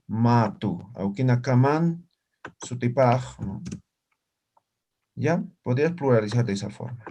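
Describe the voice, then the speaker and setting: Patient male teacher, mellow voice. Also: mid-range voice, expressive, a little hiss or hum. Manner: patient, spells out words slowly, asks "¿no ve?" often. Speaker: language teacher. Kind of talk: live online class.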